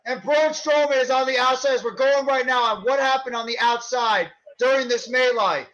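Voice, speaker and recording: A man working as a wrestling commentator, calling live play-by-play in an excited, exclaiming manner over a stream. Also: very high-pitched, moderate pace. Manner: excited, exclaiming, shouting at big moves. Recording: dull lo-fi online stream audio.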